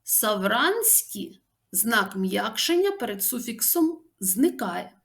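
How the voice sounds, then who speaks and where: A woman with an Odesa accent teaches a scripted grammar lesson, pronouncing each example word deliberately. Her fairly high voice rises and falls a lot, with a gravelly edge. She speaks at an unhurried pace. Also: very animated, fairly bright tone.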